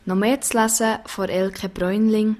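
A woman radio presenter giving a calm, measured announcement. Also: medium pitch.

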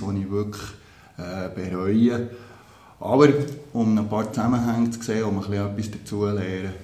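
A man's voice: on the low side, a little mellow. A man, a percussion teacher answering interview questions earnestly and thoughtfully, with small hesitations. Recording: roomy echo.

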